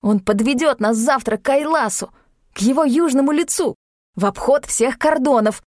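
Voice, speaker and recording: A woman reading an audiobook, voicing an eager, excitable young man obsessed with mountains. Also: high voice, unhurried, no echo, clean studio sound, pitched above the performer's own voice. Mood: excited. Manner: eager, pleading and loud. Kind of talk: audiobook character voice.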